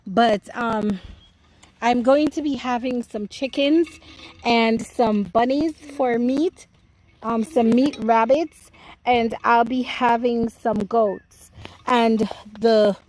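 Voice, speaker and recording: A woman with a slightly high voice walks through her vegetable garden outdoors, chatting to viewers over a phone. She talks in an unhurried way, explaining each step patiently and in plain terms. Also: fairly even intonation, darkish tone, slight background noise, low-quality recording. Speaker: home gardening vlogger. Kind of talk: casual live-streamed garden tour.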